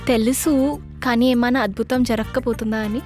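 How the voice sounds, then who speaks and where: An actress playing a pleading office employee asking for a favor. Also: female voice, fairly high pitch, fairly even intonation, fairly quick, darkish tone, soft background music, lightly acted. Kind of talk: web series acting.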